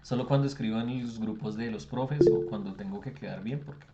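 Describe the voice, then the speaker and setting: A man teaches an online class in a chatty, easygoing way, answering his own rhetorical questions. His voice sits at an ordinary middle pitch. The sound is a little dull and muffled, as video-call audio tends to be. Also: brisk, loud music behind the voice. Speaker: English tutor.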